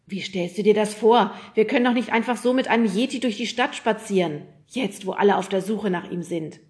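A woman reading an audiobook, voicing a grumpy, agitated boy who talks loudly and sounds exasperated. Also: mid-range voice, a little fast, pitched above the performer's own voice, natural voice. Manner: loud, exasperated.

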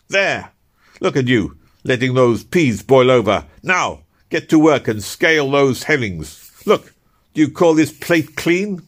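A man's voice: fairly high pitch, a bit bright, voice pushed up. A man voicing a bossy, nagging female cook who barks scolding orders in a kitchen.

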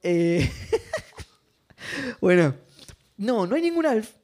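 A young Argentine man co-hosting a podcast, chatting about video games in an animated way, swearing freely and laughing often. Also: high voice, extremely slow. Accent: Argentine Spanish. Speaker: podcast co-host. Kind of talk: casual gaming chat.

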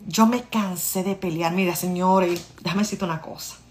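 A woman's voice: fairly low pitch, steady tone, moderate pace. A woman, telling her own story in a casual monologue. She speaks to her listeners directly and acts out the dialogue. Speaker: vlogger.

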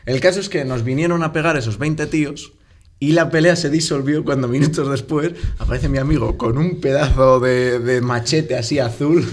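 A man's voice: medium pitch, normal speed. A young man from the Country, co-hosting a podcast and telling a long story among friends with rambling asides. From Basque Country, Spain. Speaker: podcast co-host. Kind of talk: casual chat among friends.

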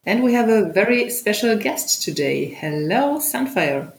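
A woman co-hosting a casual interview, soft-spoken and giggly as she asks questions. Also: medium pitch, very animated, unhurried, vocal fry, slight background noise. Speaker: podcast co-host. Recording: roomy with faint ambience.

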